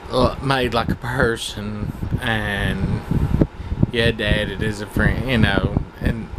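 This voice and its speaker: Slow-talking man over loud fan noise. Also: lowish voice. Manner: hesitant, meandering, frank and coarse. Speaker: vlogger. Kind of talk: rambling casual vlog chat. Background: whirring fan.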